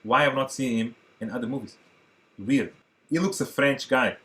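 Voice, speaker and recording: A man from Portugal in his thirties, a native Portuguese speaker, chatting excitedly to viewers as he reacts to an old film. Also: medium pitch, normal speed, slight background noise. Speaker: movie reaction host. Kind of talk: casual reaction commentary.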